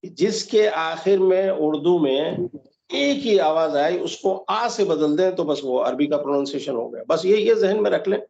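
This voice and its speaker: A high-voiced man teaching an online class, who patiently asks questions and repeats each example. The call audio sounds roomy and dull. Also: expressive, creaky, hardly any pauses, a little mellow. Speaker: Quran recitation teacher. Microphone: video call.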